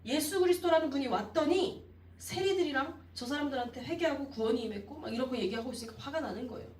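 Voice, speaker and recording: Animated woman preaching a sermon. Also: fairly high pitch, slight background noise. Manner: expressive storytelling, acting out quotes. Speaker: youth ministry evangelist. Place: church sanctuary. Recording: roomy echo, distant mic.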